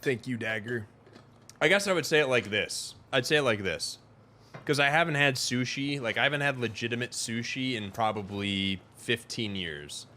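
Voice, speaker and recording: A man's voice: medium pitch, moderate pace, bright, forceful tone, slight background noise. A young adult man from Wisconsin, chatting casually and rambling frankly to his viewers during a gaming livestream. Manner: rambling, frank, talks to chat.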